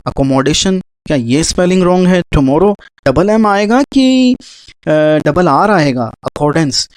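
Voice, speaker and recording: A man runs a vocabulary quiz. He talks in an animated way and counts down timers aloud. His voice is recorded dry and close, with no room sound. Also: high voice, unhurried, dry recording, rough recording. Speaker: English quiz teacher. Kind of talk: Hindi-language vocabulary quiz.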